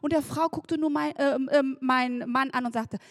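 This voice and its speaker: A woman preaching a sermon, lively and chatty, laughing and talking straight to the congregation. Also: high-pitched, moderate pace, no echo, clean studio sound.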